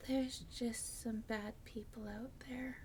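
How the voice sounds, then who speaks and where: A woman's voice: fairly high pitch, steady tone, takes it slowly, slight background noise. A woman whispering in character as a frightened young woman hiding from danger. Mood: fearful. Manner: hushed whisper. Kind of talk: in-character roleplay.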